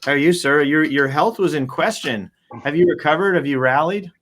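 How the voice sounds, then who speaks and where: Fairly quick and a bit bright, this man's slightly high voice carries a casual live show he hosts in a joking, theatrical, rambling manner. Forest and nature sounds play behind him in the noisy recording.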